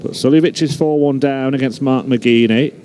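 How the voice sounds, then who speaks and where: A man's voice: mid-range voice, fairly even intonation, normal speed, mellow. A man giving live sports commentary as a darts commentator.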